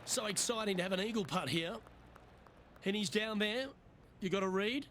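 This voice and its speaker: A man's voice: high voice, normal speed, fairly bright tone. A man working as lead golf commentator in a video game, giving brief, upbeat calls on each shot. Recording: clear background noise and ambience.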